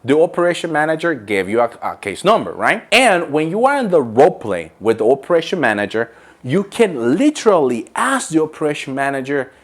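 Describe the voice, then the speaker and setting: A man's voice: a little high, very animated, a little fast. A man giving instructional talk to viewers as a call center coach, explaining things step by step with emphasis and repetition.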